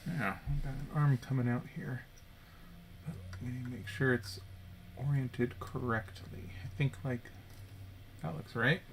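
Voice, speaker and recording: A man's voice: mid-range voice, steady tone, unhurried, creaky, pauses often, slight background noise. A man chatting casually at home as he builds a Lego set, rambling and correcting himself as he goes. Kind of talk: casual chat while building. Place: home room.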